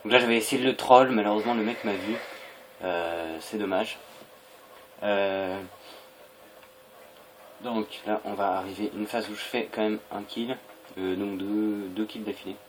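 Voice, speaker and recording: A young man with a fairly low voice commentates casually on a video game. His delivery is hesitant and rambling, and the homemade recording has clear noise behind the voice. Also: fairly even intonation, normal speed, pauses often, poor audio. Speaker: gaming video creator.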